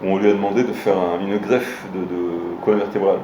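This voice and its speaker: Low-voiced and flat in delivery, this rabbi talks at a quick pace while giving a casual Torah lesson. He speaks to his listeners directly, telling stories with frequent restarts and hesitations. Background noise and faint room ambience are audible in the roomy space.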